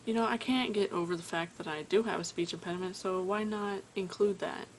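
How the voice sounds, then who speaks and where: At home indoors, a tired woman talks casually to her camera in a vlog, stuttering and breaking off mid-sentence to think. Her voice is medium-pitched and a little fast, with a faint hiss or hum in the recording.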